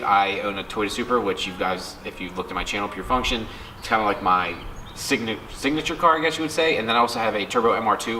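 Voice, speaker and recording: A man's voice: fairly low pitch, sharp tone, roomy sound, a little hiss or hum, low-quality recording. A man with a stuffy, allergy-blocked voice, talking casually about cars as a guest on a vlog, rambling and correcting himself. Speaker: guest car enthusiast.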